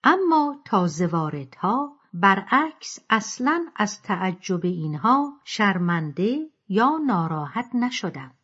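Woman narrator for an audiobook: steady storyteller, husky tone, lively intonation, lo-fi sound. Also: medium pitch. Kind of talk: audiobook reading. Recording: dull lo-fi recording.

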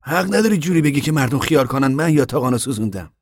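A man voicing a touchy, hot-tempered young man who argues and shouts in an audiobook reading. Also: a little high, creaky, no room sound, clean studio sound, voice pushed up. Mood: indignant. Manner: indignant, shouting. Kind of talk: audiobook character voice.

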